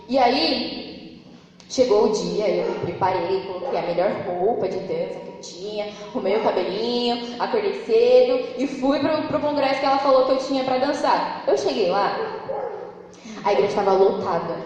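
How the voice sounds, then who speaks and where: A young Brazilian woman gives a church testimony. She tells her story with lively energy, acts out the dialogue and speaks directly to the congregation. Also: on the high side, normal speed. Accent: Brazilian Portuguese. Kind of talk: sermon testimony. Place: large church hall. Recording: heavy echo of a big reverberant hall.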